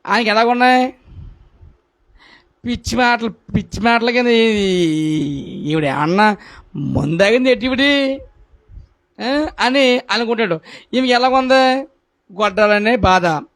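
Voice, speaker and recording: A man with a high voice preaches a sermon at a prayer meeting. He keeps repeating his points and turns to the congregation with rhetorical questions. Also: a bit bright.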